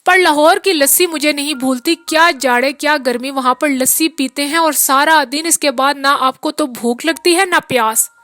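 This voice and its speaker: A woman's voice: high-pitched, normal speed, few pauses, a bit bright. A woman reading the part of a weary, peasant-born man who rambles through a long, rueful account of his hard years. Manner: long rambling confessional talk.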